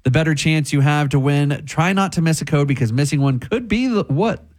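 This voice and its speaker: A male radio host with a somewhat high-pitched voice. He delivers a contest promotion in a presenter's style. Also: animated, a little fast, darkish tone.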